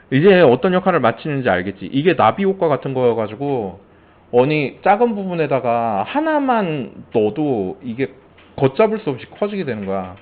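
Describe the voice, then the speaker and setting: A man giving a casual classroom lecture, telling stories and acting out coworkers' lines with lots of animation. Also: mid-range voice. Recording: tinny phone-like sound.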